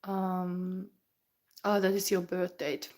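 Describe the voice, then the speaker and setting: Sick with the flu, a Finnish tarot reader with a Finnish accent rambles through a live reading, thinking aloud with many fillers and restarts and dropping into whispers while channeling. Her voice is lowish, monotone, slow and a little mellow.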